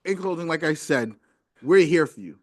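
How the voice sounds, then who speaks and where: A man's voice: fairly high pitch, animated, moderate pace. A man co-hosting a casual podcast, speaking earnestly and repeating words as he encourages his listeners. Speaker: podcast co-host. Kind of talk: casual group podcast chat.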